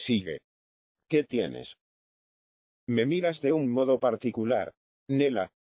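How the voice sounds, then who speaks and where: A man voicing a kind, gentle young lady in an audiobook, tender and eager in manner. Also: medium pitch, sing-song, takes it slowly, no echo. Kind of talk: audiobook reading. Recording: thin phone-like lo-fi sound.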